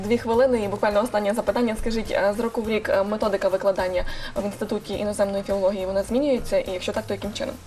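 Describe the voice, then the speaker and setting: A woman's voice: medium pitch, little pitch movement, racing, hardly any pauses, darkish tone. A woman hosting a studio interview, asking questions in a businesslike way. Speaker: host.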